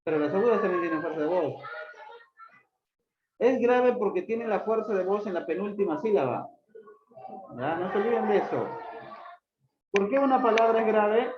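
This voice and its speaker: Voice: mid-range voice, animated, normal speed, pauses often, a crowd in the background. A teacher giving a classroom grammar lesson, quizzing students by name with repeated questions and scolding them for not reviewing the book. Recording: echoey room, dull lo-fi sound, loud background noise.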